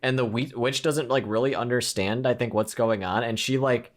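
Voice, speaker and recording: A man's voice: medium pitch, normal speed. A young man co-hosting a podcast, recapping a horror film in a rambling, casual way full of filler words. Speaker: podcast co-host. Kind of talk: casual movie review chat.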